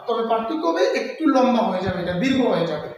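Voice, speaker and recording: A man explaining a lesson as a teacher, halting often with filler sounds and restarting his phrases. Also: very high voice, expressive, dull audio, slight background noise. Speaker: English teacher. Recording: far-off echoey room with faint ambience.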